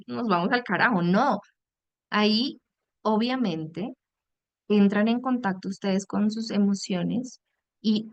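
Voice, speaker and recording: A woman's voice: mid-range voice, no echo. Affectionate woman teaching a webinar. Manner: affectionate, acts out example phrases, calls listeners "mis amores". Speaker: psychologist and coach giving a webinar.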